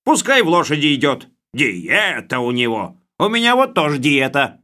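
A bossy, bellowing official, as a male narrator puts him on, raised high and loud as he hectors everyone in the room. His voice swings widely between bluster and indignation. This is an audiobook character voice. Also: very animated, normal speed.

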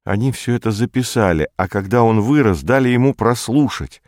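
A man narrating an audiobook in the first person, in a measured way. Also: medium pitch, expressive, a little mellow, no echo, studio quality.

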